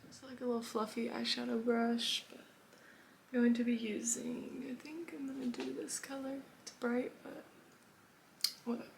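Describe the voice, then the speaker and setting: A woman's voice: fairly high pitch, little pitch movement, normal speed, gravelly, a little hiss or hum. A woman giving a casual, chatty makeup tutorial, rambling and often dropping to a whisper. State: a bit out of breath. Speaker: makeup vlogger.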